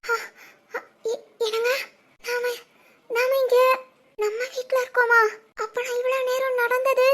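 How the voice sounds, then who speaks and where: A woman's voice: extremely high pitch, level tone, slow, a bit bright, exaggerated voice. A woman playing a frightened young pregnant wife who stammers and hesitates in a village family drama. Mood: fearful.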